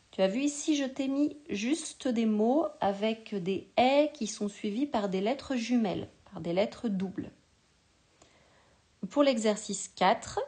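A woman teacher giving a slow, patient spelling lesson to a young child, sounding out each syllable with care. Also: medium pitch, warm tone.

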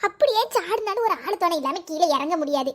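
A woman's voice: lively intonation, a little fast. A woman voicing an anxious, chattering young village mother in a cartoon, with a Kanyakumari Tamil accent. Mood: puzzled. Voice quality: high, worried, talkative. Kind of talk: cartoon voice acting.

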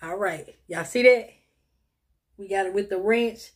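A woman in her 50s chats casually with viewers while eating in a mukbang vlog, calling them "y'all" and "little sis." She speaks at a measured pace in a medium-pitched voice.

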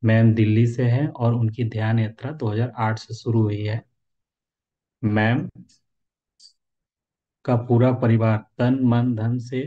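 A man's voice: medium pitch, phone-quality sound. A man hosting a live meditation session, earnestly and respectfully introducing his guest. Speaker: host. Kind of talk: formal live-stream introduction.

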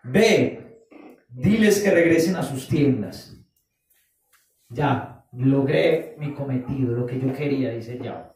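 A man preaching a sermon, animated, acting out quoted voices and drawing out phrases for emphasis. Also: mid-range voice, slow pace, long pauses. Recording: echoey room, voice from far off the mic.

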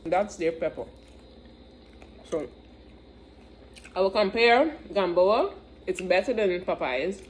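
A woman's voice: on the low side, lively intonation, takes it slowly, pauses often. A woman talking while chewing in a casual, rambling food review chat, with fillers and restarts. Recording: clear background noise.

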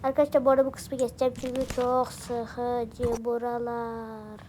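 A woman's voice: a little high, level tone, normal speed, warm tone, a little hiss or hum. A woman giving casual, crude, joking gameplay commentary and muttering to herself. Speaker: gameplay streamer.

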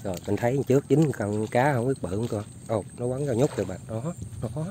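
A man's voice: mid-range voice, a little fast, mellow, slight background noise. Chatty man outdoors by flooded fields. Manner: chatty, keeps addressing viewers. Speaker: outdoor fishing and trapping vlogger. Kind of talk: casual narration to viewers while working.

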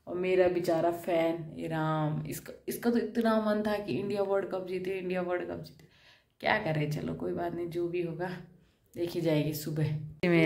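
Woman, mother and home vlogger, slightly low voice, plain chatty delivery into a phone at home. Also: reverberant. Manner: chatty, talks straight to viewers and her son. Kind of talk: casual home vlog. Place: at home, indoors.

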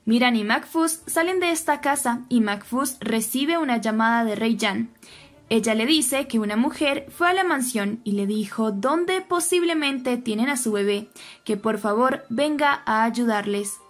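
A woman narrating a scripted soap opera recap, telling the story in a steady way and giving the quoted lines only a slight lift. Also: fairly high pitch, unhurried. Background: faint background music.

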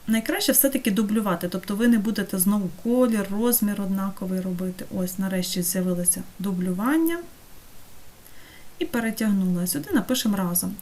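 A woman teaching an online course, talking through a screen-recorded software tutorial step by step and checking in with her students. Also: medium pitch, fairly quick. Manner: patient, step-by-step, checks in with "так?".

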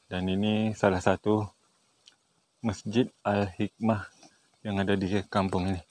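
A man's voice: lowish voice, level tone, measured pace, a little mellow. Friendly male vlogger on a village walk. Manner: friendly, chatty, laughs often. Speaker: vlogger filming a walking tour. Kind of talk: casual chat with locals. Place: outdoors on a village road. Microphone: camera mic, walking.

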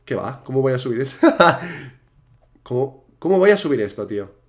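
A young man giving casual let's-play commentary as a gaming YouTuber. He is chatty and excitable, and he repeats words in rapid bursts. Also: mid-range voice.

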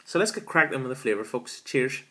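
Guy in his 30s chatting about beer at home, bright forceful voice, camera held close. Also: mid-range voice, animated, brisk. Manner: chatty, enthusiastic, lots of fillers. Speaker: beer reviewer. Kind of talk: casual beer review vlog. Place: small room at home, indoors. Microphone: camera at arm's length.

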